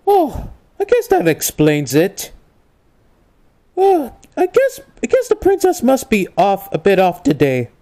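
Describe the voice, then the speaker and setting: A woman's voice: medium pitch, huge pitch swings, measured pace, warm tone. A woman voicing an earnest, flustered male cartoon video game hero in an amateur comedic role-play, hesitant and exclaiming. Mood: resigned.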